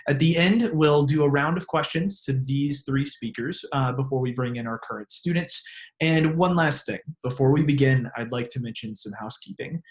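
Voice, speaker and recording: A man hosts an online open house over a video call as a webinar, reading scripted introductions with small slips. His mid-range voice moves at a moderate pace.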